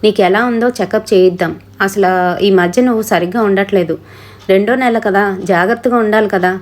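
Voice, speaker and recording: A woman's voice: medium pitch, a little fast, lightly acted. A woman voicing a protective young husband who lectures and brushes off his wife's fears. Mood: scolding. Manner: dismissive, lecturing.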